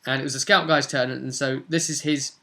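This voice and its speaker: A game master recaps a tabletop role-play session in casual, unscripted storytelling. His bright voice is medium in pitch with fairly even intonation, and his delivery rambles and halts.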